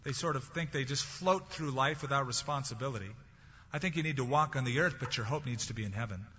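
A man's voice: mid-range voice, fast, pushed and bright, slightly rough. A male pastor preaching a sermon in a conversational way, quoting scripture and telling light anecdotes. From California. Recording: dull recording in a large reverberant hall.

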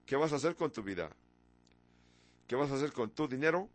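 A man in his sixties delivers a sermon in a mid-pitched voice. He strings together rhetorical questions and leans hard on key words, sometimes slowing to a deliberate crawl. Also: expressive. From from abroad, a country once ruled by an emperor. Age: 60s. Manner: rhetorical questions, emphatic with sudden rises. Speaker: preacher.

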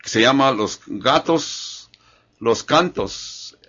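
Older male preacher, earnest sermon, mid-pitched voice, muffled lo-fi recording. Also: expressive, very slow, bright, forceful tone. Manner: earnest, repetitive phrasing with restarts.

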